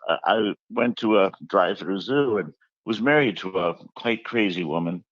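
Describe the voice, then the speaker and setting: Being interviewed about his book, a man spins chatty anecdotes and performs the quotes in a fairly low, fairly bright voice at a moderate pace. The sound is lo-fi with no echo.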